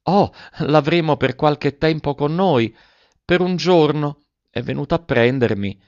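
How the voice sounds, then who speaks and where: A man voicing a calm young countess, soft raised voice, dry dull sound. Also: a little high, measured pace, dry recording, pitched above the performer's own voice.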